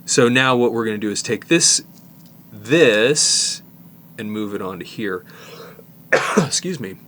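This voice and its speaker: A middle-aged tape repair technician gives a hands-on cassette repair demonstration in his workshop, calmly thinking aloud with restarts and asides. He talks slowly in a lowish voice, and slight background noise is present.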